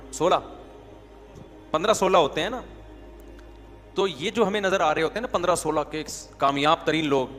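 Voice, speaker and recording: A man's voice: a little high, a bit bright, long reverb tail. A man giving a conversational religious sermon, often asking his listeners questions. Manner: conversational, asks the audience questions. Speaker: religious preacher. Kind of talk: Urdu sermon.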